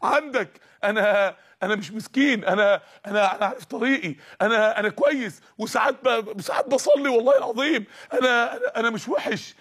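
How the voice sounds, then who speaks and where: A man's voice: sits high, lively intonation, fairly quick, fairly bright tone. A man playing a stammering lost young Egyptian. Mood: pleading. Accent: Egyptian Arabic. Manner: stammering, repeating himself.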